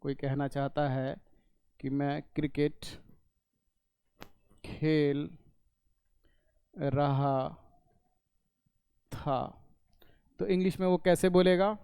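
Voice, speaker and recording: A man's voice: fairly high pitch, fairly even intonation, drawn-out words, pauses often, warm tone, smooth, no room sound. A man teaching an English class, explaining step by step, repeating points and answering his own questions. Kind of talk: classroom lesson explaining in Hindi.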